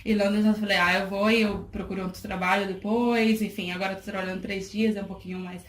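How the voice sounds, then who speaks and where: A woman's voice: medium pitch, flat delivery, fast talker. A woman in her thirties from Salvador, Brazil, giving a thoughtful interview with frequent restarts. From Salvador, Bahia, Brazil. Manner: thoughtful, many fillers and restarts, laughs easily. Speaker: guest, charity project worker. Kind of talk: casual interview talk. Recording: echoey room, faint noise.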